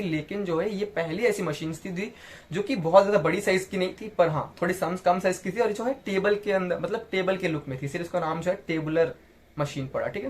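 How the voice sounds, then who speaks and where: Chatty higher-voiced male teacher. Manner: chatty, repeats "theek hai" and "dekhiye", frequent restarts. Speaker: computer teacher. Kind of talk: casual Hindi tutorial lecture.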